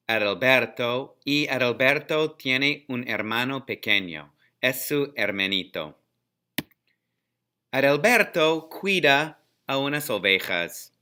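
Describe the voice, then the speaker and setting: A man narrating a very simple story for language learners, pausing between short, clear sentences. His voice is bright and his pace unhurried, with plain, mid-range pitch. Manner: slow, clear, repetitive.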